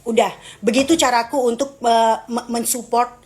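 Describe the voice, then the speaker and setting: A woman's voice: fairly high pitch, fairly even intonation, normal speed, a little mellow. A young woman, streaming live and reading comments, in a dramatic, playful, teasing way.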